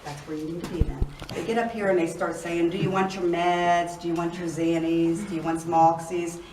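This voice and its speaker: Fairly quick and fairly even in intonation, a lowish-voiced Appalachian woman projects stories to her tour group. Their tour takes them through an old prison's big empty rooms at night, and the recording sounds far away, noisy, and echoey.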